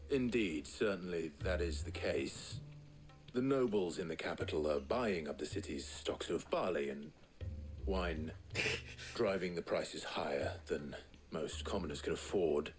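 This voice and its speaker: A man's voice: sits low, a little slow, soft background music. An actor in a video game playing a man who poses as a pompous lord, putting on an exaggerated posh voice. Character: pompous posh male lord, put-on disguise.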